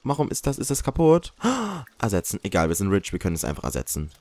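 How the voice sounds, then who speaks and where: A man's voice: low voice, sing-song, fast talker, darkish tone, no room sound. A young man giving casual, joking commentary while playing a life-simulation game, often teasing the characters. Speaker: let's play host.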